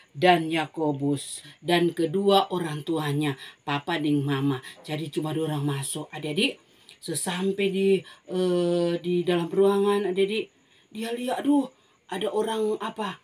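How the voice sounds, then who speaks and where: A woman's voice: on the low side, measured pace. Woman teaching a Bible lesson. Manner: animated storytelling, often calling to the children. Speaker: Sunday school teacher.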